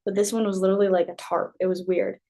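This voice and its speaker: A woman's voice: mid-range voice, flat delivery, fast talker, warm tone. A young woman hosting a podcast, casually telling a story in a chatty way, full of "like" and frequent laughter. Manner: chatty, heavy use of "like", laughs often. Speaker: podcast host.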